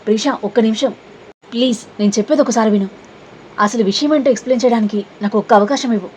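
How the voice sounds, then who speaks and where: A woman's voice: a little high, fast, a little mellow, a little hiss or hum, close to an everyday voice, low-quality recording. A woman voicing an anxious, loyal younger brother who pleads and interrupts, in a storybook reading. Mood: pleading.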